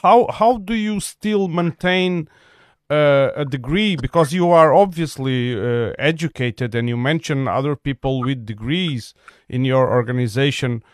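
A man's voice: medium pitch, measured pace, no echo. Hesitant interviewer man, dry sound. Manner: hesitant, many fillers, polite. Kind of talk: remote interview. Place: home.

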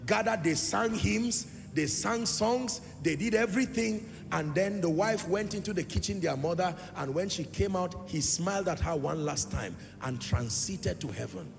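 High, gravelly preacher in a reverberant hall. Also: male voice, animated, moderate pace, hardly any pauses. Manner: preaching with sing-song swells and sudden loud rises; asks the congregation questions. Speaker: pastor. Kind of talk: sermon. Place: large church hall. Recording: long hall reverb with music behind.

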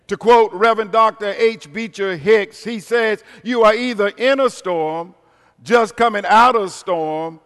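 A man's voice: high voice, a little slow, fairly bright tone, clear, resonant tone. An older man with an American accent preaching a sermon as a guest at a Sunday service, addressing the congregation directly in a folksy, emphatic way. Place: large indoor worship space. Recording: reverberant hall sound.

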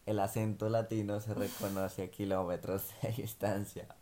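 A young man chats casually, drifting through his points with plenty of fillers. His voice sits low and sounds soft and mellow, never sharp. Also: moderate pace, slight background noise. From Colombia. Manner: relaxed, rambling with many fillers. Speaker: vlog co-host. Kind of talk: casual chat.

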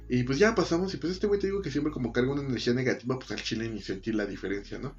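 Casting: young Mexican man, profane storyteller, mid-pitched, light music underneath. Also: very fast, muffled recording. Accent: Mexican Spanish. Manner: profane, slangy, animated retelling with acted quotes. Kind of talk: casual chat, storytelling.

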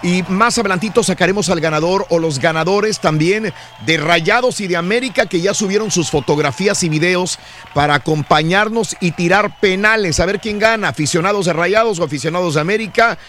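A man's voice: high-pitched, fairly bright tone, slight background noise. A Mexican man hosting a morning radio show, signing off and announcing an event in a friendly tone. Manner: friendly, quick interjections. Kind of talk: casual radio chat.

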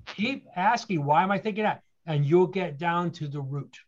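A man's voice: sits high, moderate pace, muffled recording. A man telling his story with earnest motivational emphasis. He asks rhetorical questions and repeats key phrases. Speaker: guest speaker.

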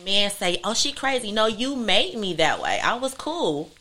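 A woman's voice: medium pitch, very animated, moderate pace, bright, forceful tone. Brash woman in her late thirties. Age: 30s. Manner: brash, laughing, blunt storyteller. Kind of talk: casual chat. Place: Inglewood area.

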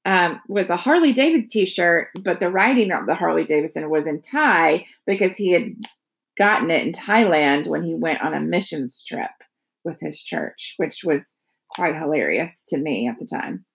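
A middle-aged woman giving a casual, halting podcast introduction, thinking aloud as she goes. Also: deep voice, lively intonation, gravelly, husky. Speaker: podcast host. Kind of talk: casual spoken introduction of a guest.

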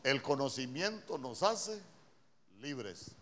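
A man with a Honduran accent preaching a sermon in a church, swinging between hushed words and sudden shouted lines, full of rhetorical questions. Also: mid-range voice, very animated, slow. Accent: Honduran Spanish.

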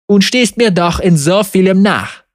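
A woman's voice: mid-range voice, expressive, a little slow, dry recording, clean studio sound, pitched above the performer's own voice, close to an everyday voice. A woman reading an audiobook, voicing a proud young sorceress who speaks scornfully and assertively.

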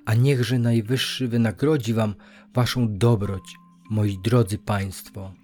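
A man voicing a poor, pious old grandmother in a storybook reading, speaking slowly and solemnly, like a prayer. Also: fairly low pitch, steady tone, warm tone, soft background music. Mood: grateful.

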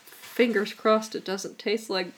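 A woman hosting a podcast from home in casual chat, blunt, bossy and quick to swear. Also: medium pitch, fairly even intonation. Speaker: podcast host.

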